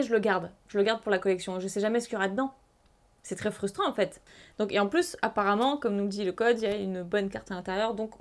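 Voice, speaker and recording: A young woman chatting casually while opening trading card packs, breaking into excited exclamations. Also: fairly high pitch. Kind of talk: casual excited unboxing chat.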